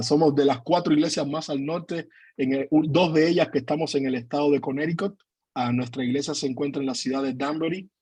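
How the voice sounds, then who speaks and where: Pastor, 30s, husky and fairly high, dry close sound, earnest and halting; for an online church class. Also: male voice, a little mellow, no room sound. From Cuba. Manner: earnest, hesitant with many fillers. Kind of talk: online teaching talk.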